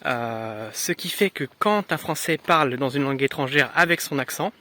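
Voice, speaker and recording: A young man from France explaining a language topic in a relaxed, unscripted way, pausing often with hesitations. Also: medium pitch. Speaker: French teacher. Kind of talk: casual explanatory lesson.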